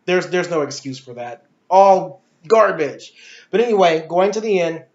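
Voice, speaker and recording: In a muffled, echoey room recording, a male movie reviewer delivers emphatic, casual film opinions, ranting and firing off rhetorical questions. He speaks at a moderate pace in a high-pitched voice.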